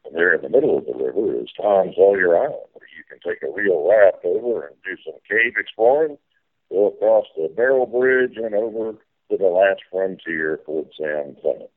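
Man as folksy riverboat captain, deep voice, animated delivery, hearty ride spiel, theme park cruise. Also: moderate pace, phone-quality sound. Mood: folksy, jovial. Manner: folksy, calls orders to crew.

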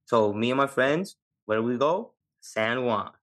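A man with a New York Puerto Rican accent, a Navy veteran telling stories as a podcast guest, lively and laughing often. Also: medium pitch, a little slow. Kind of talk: casual storytelling.

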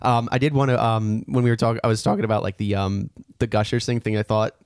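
A man's voice: on the low side, flat delivery, quick pace, smooth, no room sound, clean studio sound. A man hosting a podcast in casual chat, easygoing, laughing along and steering the talk to the next topic. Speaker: podcast host.

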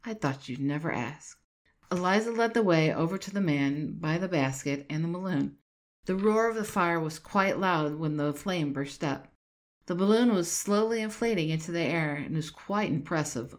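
Low-voiced woman reading a story. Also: moderate pace. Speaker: fan fiction reader. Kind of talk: storybook narration.

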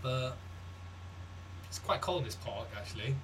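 A man's voice: medium pitch, expressive, unhurried, recorded from a distance, noisy background. A young man co-hosting a podcast, dry and mocking as he plays along with absurd jokes. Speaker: podcast co-host. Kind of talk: casual comedic chat.

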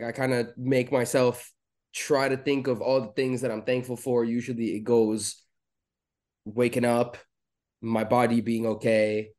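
A man from Lebanon talking as a podcast guest in a relaxed, rambling way with lots of fillers. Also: mid-range voice. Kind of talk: casual interview chat.

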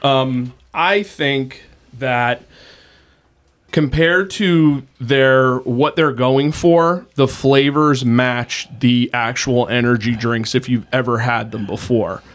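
Co-host: a mid-pitched man who lays things out slowly, with ums. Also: a bit bright. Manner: slow, deliberate explaining with ums. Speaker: podcast co-host. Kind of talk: casual tasting chat.

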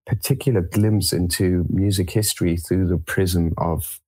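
A man's voice: low voice, fairly even intonation, a little slow, dark tone, slightly rough. A man from France, a singer-songwriter guest in an interview, answering thoughtfully with hesitant fillers.

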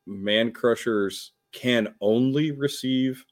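A man's voice: medium pitch, slow pace. A man co-hosting a casual gaming chat, easygoing and thinking aloud with some fillers. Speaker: co-host of a tabletop wargame talk show.

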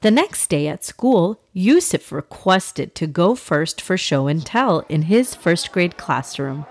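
A woman hosting and narrating stories for children in an expressive, unhurried fireside storytelling manner. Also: lowish voice, slight background noise. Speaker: children's podcast host and storyteller.

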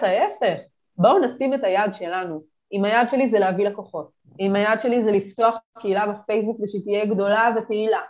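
Appearing as a podcast guest, a business coach delivers upbeat motivational advice, stressing points with lively energy. She has a mid-range voice, heard through a muffled recording.

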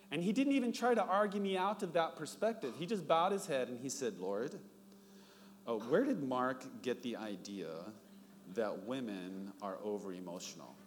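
Preaching a sermon, a middle-aged pastor tells stories and performs the dialogue in them, his pitch rising as he does. Long reverb and faint background noise color the recording.

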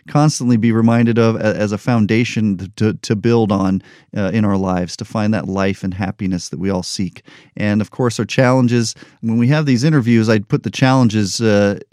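Candid and unscripted, a forties-aged man delivers a solo motivational podcast monologue with a playful edge. He has a fairly low pitch and a darkish tone. The recording is dry and studio quality.

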